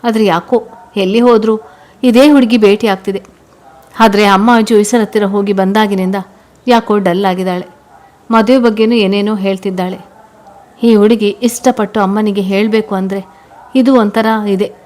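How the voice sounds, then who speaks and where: A man's voice: high voice, fairly even intonation, moderate pace, a little mellow, close to an everyday voice. A woman doing a puzzled young man. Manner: wondering, self-questioning.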